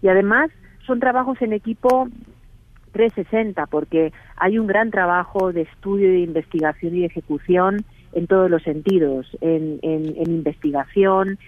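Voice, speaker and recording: Speaking by telephone, a middle-aged woman with a Spain Spanish accent, a TV production company head appearing as a guest, answers questions earnestly and in a measured way, often restarting a phrase before continuing. Her voice sits on the low side, and the dry line sounds thin and tinny with no echo.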